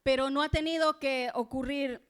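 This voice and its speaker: A woman's voice: high-pitched, steady tone, moderate pace, fairly bright tone. A woman preaching a sermon in a church, earnest and reflective, asking her listeners questions.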